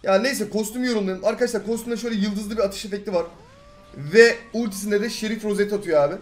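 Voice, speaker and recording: A young man giving chatty, excitable live commentary over his own gameplay, muttering low one moment and yelling the next. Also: quick pace. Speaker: gaming YouTuber.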